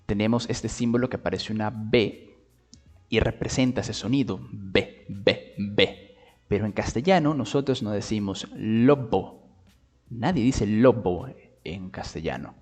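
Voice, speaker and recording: A man giving a patient video lesson on phonetics, drawing out sounds slowly to demonstrate them and often checking in with his listeners. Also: on the low side, a little mellow, big-room sound, faint music behind. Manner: checks in with "¿vale?" and "¿ok?". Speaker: linguistics teacher.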